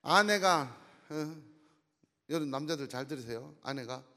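A man's voice: mid-range voice, moderate pace, creaky. A male pastor giving a humorous sermon to his congregation in a church, teasing the crowd and often checking in with them. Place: church sanctuary. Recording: long hall reverb.

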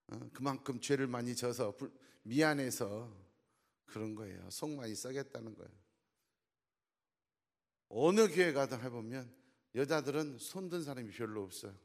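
Gravelly-voiced man preaching in a reverberant hall. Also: medium pitch. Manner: jokey, teasing, often asks the crowd "어?". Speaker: pastor. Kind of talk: humorous sermon to a congregation. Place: church sanctuary.

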